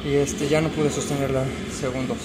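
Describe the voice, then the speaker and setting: A man's voice: medium pitch, level tone, normal speed. A man in his thirties talking casually like a gym bro, explaining his workout in a vlog filmed on a phone in a gym. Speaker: fitness vlogger. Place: indoors in a large gym. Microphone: handheld phone at arm's length. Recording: clear gym background noise. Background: gym ambience noise.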